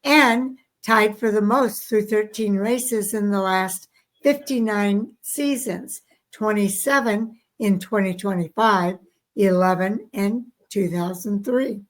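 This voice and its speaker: A woman's voice: medium pitch, slow. A woman co-hosting a racing podcast, reading statistics in a tired, casual way. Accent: Southern American. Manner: tired, yawning. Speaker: podcast co-host. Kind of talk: reading race stats in casual chat.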